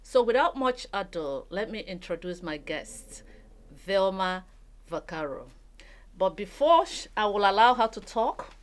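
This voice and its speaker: A woman hosting a radio interview show, introducing her guest and explaining her points to listeners in a measured way. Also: medium pitch. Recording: radio studio broadcast.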